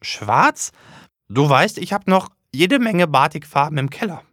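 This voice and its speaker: A man voicing an excitable, nosy mother who pushes eager, prying questions. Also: fairly high pitch, unhurried, no echo, studio quality, voice pushed up.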